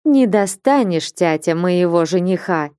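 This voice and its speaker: A woman's voice: on the low side, animated, mellow, smooth, dry recording, clean studio sound. Woman reading as a tearful, defiant young daughter. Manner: pleading, then firm and measured.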